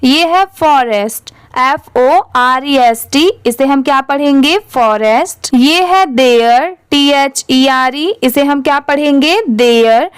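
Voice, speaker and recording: A woman's voice: high-pitched, dry recording. A young woman teaching English reading, spelling each word out letter by letter and then asking and answering how to say it.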